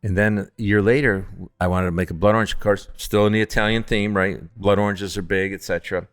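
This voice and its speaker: A distillery founder from Upstate New York tells stories casually in an interview, his lowish voice moving fairly quickly with a clean, echo-free, studio-quality sound over soft background music. He's an animated storyteller who acts out quotes, and his humor is jokey and self-deprecating.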